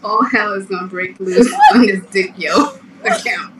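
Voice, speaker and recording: A woman's voice: medium pitch, unhurried. A woman co-hosting a podcast, chatting in a laid-back, matter-of-fact way. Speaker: podcast co-host. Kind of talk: casual chat. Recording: echoey distant mic with background noise.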